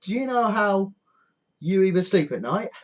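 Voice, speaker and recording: A man's voice: high-pitched, very animated, moderate pace. A man ranting angrily to camera from home, swearing often and repeating his points with indignation. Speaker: vlogger. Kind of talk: angry rant to camera. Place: indoors at home.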